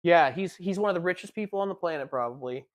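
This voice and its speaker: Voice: medium pitch, animated, fast talker. A podcast co-host in casual chat, telling long rambling stories and slipping into quoted voices.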